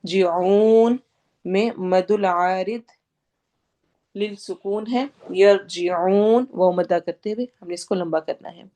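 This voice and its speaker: A woman with a Pakistani Urdu accent teaching tajweed, going word by word and slowly drawing out each recited word. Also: medium pitch, steady tone, warm tone. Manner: explains pronunciation patiently, drawing out recited words slowly; mixes English words into Urdu explanations.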